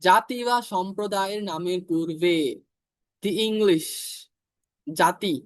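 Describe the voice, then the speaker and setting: A man teaching an IELTS class, explaining grammar step by step, repeating English examples slowly and checking in often with his students. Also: sits high, fairly even intonation, smooth, no echo. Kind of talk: online class lecture.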